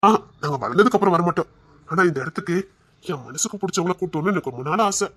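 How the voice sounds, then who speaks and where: A man's voice: high voice, expressive, fast, a bit bright, husky, full character voice. A young man acting a devoted lover who soothes and reassures his frightened partner in a romantic drama. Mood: fond, reminiscing. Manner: tender, soothing, insistent.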